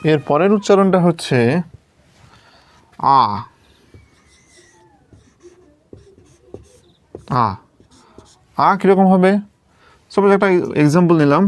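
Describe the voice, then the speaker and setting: A slightly fast, somewhat mellow male voice that sits high leads a slow English pronunciation lesson at a board. He works through every sound in turn, patiently making sure his students follow.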